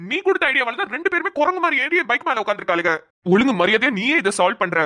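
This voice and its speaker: A woman voicing a young cartoon man who is exasperated by two girl cousins, talking in quick complaints. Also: high voice, bright, forceful tone. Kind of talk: cartoon voice acting.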